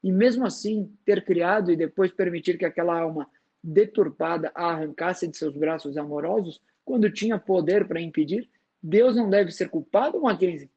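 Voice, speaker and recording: A wise, serene woman, read by a man with a high voice in a dramatized book reading. She speaks softly and slowly but never gives ground. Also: breathy edge, highs cut off. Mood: firm, probing. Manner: soft, slow and firm. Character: calm wise woman, gentle and insistent.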